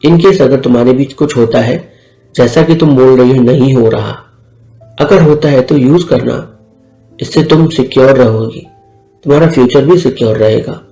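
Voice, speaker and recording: A man's voice: mid-range voice, normal speed, vocal fry, warm tone, lightly acted. A man voicing an open-minded middle-aged mother who gives her daughter reassuring advice, in an echoey room with faint music. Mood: advising. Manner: reassuring, lecturing.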